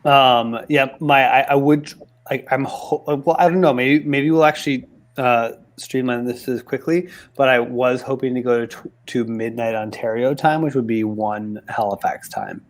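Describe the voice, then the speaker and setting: A man running a tabletop game over a video call from home, talking fast with many restarts and fillers. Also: medium pitch. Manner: quick, halting talk with many restarts and fillers. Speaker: game master. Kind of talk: casual chat and game narration on a live stream. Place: home in Halifax.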